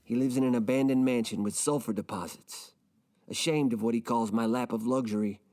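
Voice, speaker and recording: A man playing a mopey, mellow millionaire. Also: mid-range voice, brisk, lightly acted. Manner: mopey, rambling and deadpan. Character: gloomy rich man, self-pitying and rambling. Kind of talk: comedic audio drama.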